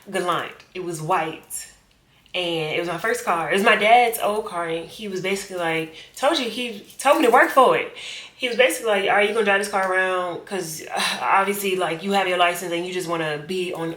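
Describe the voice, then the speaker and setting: A woman, chatting casually and animatedly to her vlog viewers, full of slang and quick laughs. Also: mid-range voice, a bit bright. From Richmond, Virginia. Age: 20s. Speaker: vlogger. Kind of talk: casual get-to-know-me vlog. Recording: echoey room.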